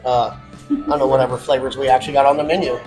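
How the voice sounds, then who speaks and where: A man's voice: mid-range voice, steady tone, rapid-fire, a little mellow, faint music behind. Chatty man, restaurant owner. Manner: chatty, laughs often. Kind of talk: casual chat while eating. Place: barbecue restaurant.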